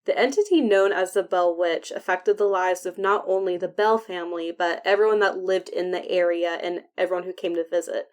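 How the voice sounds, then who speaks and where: A woman co-hosting a podcast in casual, informal chat, with a noticeable whistle on her S sounds. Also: lowish voice. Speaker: podcast co-host.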